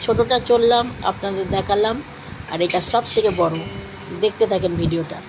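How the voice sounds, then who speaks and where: A middle-aged woman speaks straight to her viewers in a casual family vlog, keeping her words simple and repetitive. Her mid-range voice moves a little fast, and the low-quality recording picks up music along with a loud amusement park crowd and ride machinery.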